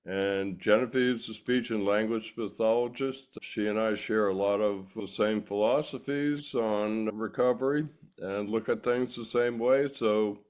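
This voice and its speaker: A man's voice: on the low side, measured pace, few pauses, darkish tone, clear, resonant tone. A man hosting an online stroke recovery meeting, giving a friendly introduction over a video call.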